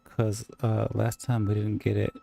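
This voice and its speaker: Gravelly low-voiced man hosting. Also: completely flat delivery, a little slow, a loud crowd. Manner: teasing, bossy about mics. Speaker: podcast host and game master. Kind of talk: casual chat among players.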